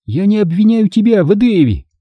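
A man voicing a hot-tempered teenage girl Jedi apprentice in an audiobook, quick to argue and indignant. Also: high-pitched, very animated, dry recording, muffled recording, voice pushed up. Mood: teasing. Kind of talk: audiobook character voice.

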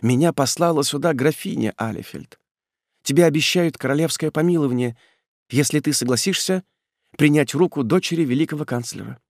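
A man's voice: fairly high pitch, a little fast, dry recording, clean studio sound, voice pushed up, lightly acted. A man reading an audiobook and voicing a young woman, a devoted and desperate lover, in an impassioned, tearful, pleading way. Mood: resolute.

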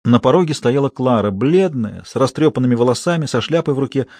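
A man reading a novel aloud as narrator, in a mid-pitched, measured voice. The delivery is steady and scripted. The recording is close and dry, with no room sound at all. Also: dry recording. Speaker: audiobook narrator.

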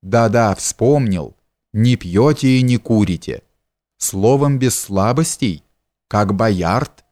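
Male reader as a worldly, bold gentleman in an audiobook: teasing, familiar, dry close voice. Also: fairly low pitch, expressive, slow, dry recording. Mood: amiable. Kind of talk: audiobook character reading.

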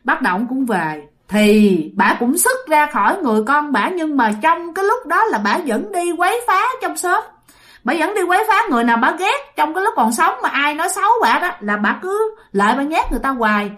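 A woman's voice: sits high, very animated, fairly quick, a bit bright. A woman telling a ghost story in a chatty way, speaking directly to listeners. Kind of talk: casual spoken ghost story.

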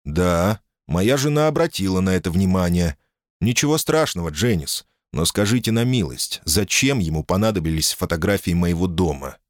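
A wry, guarded man, read by a deep-voiced male narrator, speaks with dry irony and a musing edge. His low voice moves with lively shifts of pitch. The recording is close and dry. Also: moderate pace, dry recording. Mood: probing. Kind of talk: audiobook character voice.

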